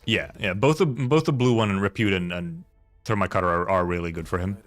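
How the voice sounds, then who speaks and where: Low-pitched and brisk, a man gives casual, rambling commentary while streaming a game. He hesitates and repeats words as he thinks aloud, with game music faintly audible.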